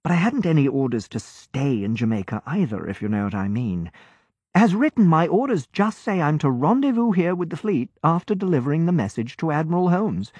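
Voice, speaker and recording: A man reading an audiobook pushes his voice up to play a cheerful, eager naval lieutenant in his late teens who chats confidingly. The character voice is fairly high, sing-song and brisk, with a darkish, slightly rough tone. The recording is dry but dull and muffled.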